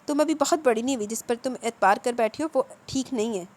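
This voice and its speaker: A woman's voice: a little high, a little mellow, close to an everyday voice. A woman reading the part of an older husband who speaks firmly and with full confidence. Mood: firm calm. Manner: firm and self-assured. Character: older husband, calm, commanding, unyielding man.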